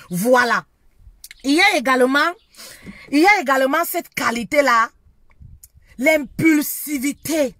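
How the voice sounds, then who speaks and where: A woman's voice: high voice, a bit bright, no room sound, studio quality. A woman giving preachy marriage advice to women. She talks emphatically and keeps repeating herself with many affirming yeses. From Africa.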